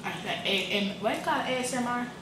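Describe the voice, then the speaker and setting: A woman's voice: on the high side, brisk, far from the mic. A young woman co-hosting a food vlog in a casual, slangy, laid-back way. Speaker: vlog co-host. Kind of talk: casual chat. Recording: echoey room, off-mic, background noise.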